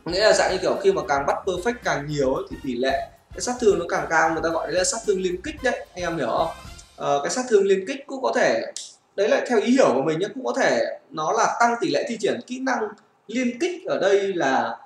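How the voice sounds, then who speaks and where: Casting: male mobile-game YouTuber, slightly high voice, roomy echo with game music. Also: very animated, fast talker. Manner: chatty, often asks "right, guys?". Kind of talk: casual gameplay commentary. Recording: echoey room with game music.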